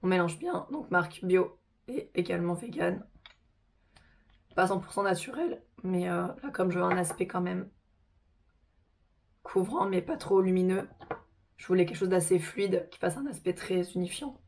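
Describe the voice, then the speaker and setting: A woman hosting a casual makeup tutorial, chatty and informal, her voice hoarse from a sore throat. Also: lowish voice, normal speed, long pauses, a little mellow, slight background noise.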